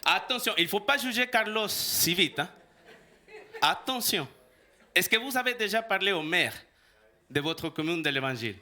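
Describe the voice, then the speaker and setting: A man's voice: high voice, bright, forceful tone. A man from El Salvador, a preacher telling a personal story in a sermon, acting out the dialogue and laughing often.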